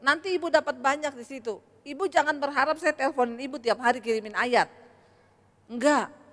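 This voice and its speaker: High-voiced woman pastor preaching with humor. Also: brisk, fairly bright tone. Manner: addresses the audience directly. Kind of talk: sermon. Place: church hall. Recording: echoey church hall.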